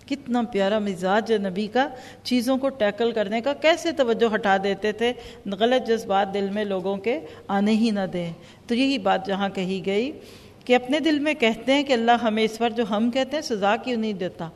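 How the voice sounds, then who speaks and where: A woman teaching a religious lesson, explaining with lively acted-out quotes. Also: fairly high pitch, long reverb tail. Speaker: Quran teacher.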